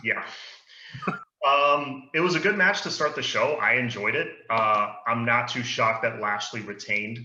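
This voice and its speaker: Male co-host, casual chat, leads the talk; sharp, bright tone, roomy echo. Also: mid-range voice, unhurried. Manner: easygoing, opinionated, leads the discussion. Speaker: podcast co-host. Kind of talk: casual chat about wrestling. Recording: echoey room, dull lo-fi sound.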